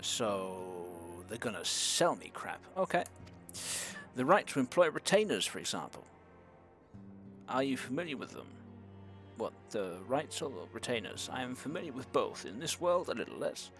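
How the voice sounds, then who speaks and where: A man's voice: medium pitch, sing-song, normal speed, fairly bright tone, faint music behind. A young man streaming a game, bantering sarcastically and reading the on-screen dialogue in a mock-formal voice. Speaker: streamer playing a game for the first time. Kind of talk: casual live-stream banter.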